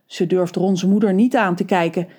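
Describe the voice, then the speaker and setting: A woman narrating a scripted children's audio story in a lively, expressive way. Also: fairly low pitch, normal speed.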